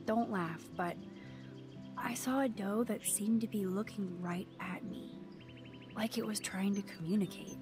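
A woman's voice: mid-range voice, unhurried, music in the background, natural voice. An actress playing an earnest, quirky teenage girl, a student photographer in a video game. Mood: friendly, thoughtful.

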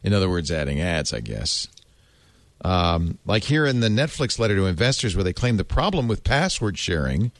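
A man's voice: deep voice, normal speed, dry recording. A man hosting a casual panel podcast, reading an article aloud with jokes and asides. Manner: animated, joking, mock-pompous reading voice. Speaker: podcast host.

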